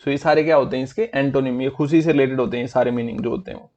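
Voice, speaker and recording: A man's voice: medium pitch, racing, a little mellow. A man teaching an online vocabulary class for exam prep, in a chatty, friendly way that mixes Hindi and English.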